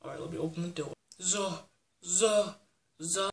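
A woman voicing an excitable young male hero who leads a team, talking fast and awkwardly in a homemade toy play. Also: on the low side. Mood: eager.

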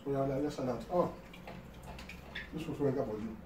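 A man's voice: mid-range voice, a little slow. A man with a Nigerian accent co-hosting a casual mukbang, teasing in Pidgin-tinged speech as he eats. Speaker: co-host of an eating show. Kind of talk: casual mukbang eating chat. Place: kitchen or dining room indoors. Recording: roomy, distant mic, clear noise.

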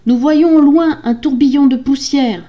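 A woman voicing young sisters on watch in a storybook reading, calling out high and shrill. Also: unhurried, dull audio. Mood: excited.

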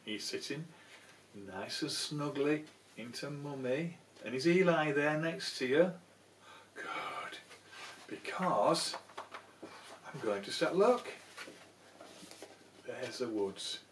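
This sixty-something grandfather tells his young grandkids a story from a picture book, coaxing them playfully in a fairly high, slightly bright voice with lively intonation. He goes slowly with long pauses; the small indoor room adds echo, the camera sits a few feet back, and there's slight background noise.

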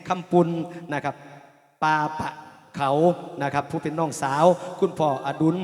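High-voiced Isan man performing mor lam. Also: flat delivery. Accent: Isan (northeastern Thai). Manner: drawn-out sung verses and formal announcing. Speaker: mor lam singer and emcee. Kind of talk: live mor lam singing and donor announcements. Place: night merit-making event on a stage. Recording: long reverb over a loud PA with band music.

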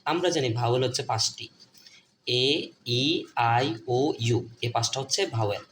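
A man's voice: medium pitch, normal speed, a bit bright, slight background noise. Bangladeshi man teaching at a board. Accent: Bangladeshi Bengali. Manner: repeats points, asks and answers his own questions.

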